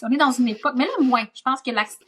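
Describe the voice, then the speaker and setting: Woman guest, actress, softened Gaspésie accent, raised pitch, lively conversational storyteller. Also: fast, husky. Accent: Gaspésie French, softened toward standard Quebec French. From Gaspésie, Quebec. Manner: chatty, lively storytelling full of asides. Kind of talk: casual podcast conversation.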